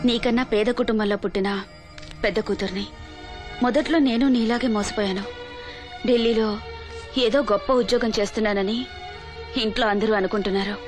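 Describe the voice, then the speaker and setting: An actress playing a sad young woman who gently and tearfully confides a painful secret. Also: a little high, close to an everyday voice.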